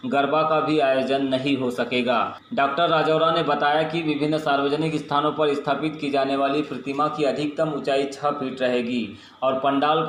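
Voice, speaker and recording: A man reading a scripted local news bulletin in a flat, formal manner. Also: medium pitch. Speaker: news reader. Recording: echoey room with faint noise.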